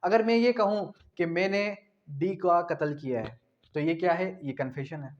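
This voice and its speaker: Speaking with a Pakistani accent, a man gives a law lecture at a moderate pace, his voice sitting high and the highs cut off in the audio. He teaches didactically, repeating points, posing questions and answering them himself, and dictating definitions.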